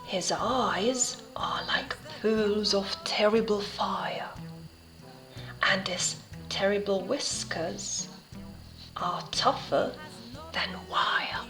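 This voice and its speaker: Woman acting a slow, ominous monster father. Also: mid-range voice, over music, low-quality recording. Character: big male monster father, warning his child gravely. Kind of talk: storybook read-aloud for children.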